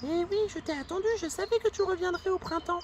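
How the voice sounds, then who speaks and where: A woman's voice: very high-pitched, quick pace, slight background noise. A woman voicing a tiny, timid female ant in a children's story, with a pleading, stammering way of talking.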